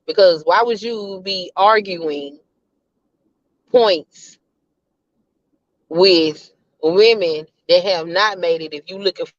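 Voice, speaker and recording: A woman's voice: lowish voice, no echo. Woman on a crackly, fading call line. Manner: confrontational, fires rhetorical questions. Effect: crackly, breaking-up call audio that fades in and out. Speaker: panel debater. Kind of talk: heated live online panel debate. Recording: dull lo-fi call line, dry.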